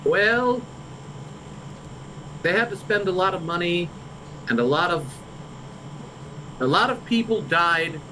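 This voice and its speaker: A man's voice: high voice, animated, slow, pauses often, bright, forceful tone, slight background noise, low-quality recording. A man hosting a livestream, chatting in character in fantasy improv, stammering and rambling with many restarts. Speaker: livestream role-play host.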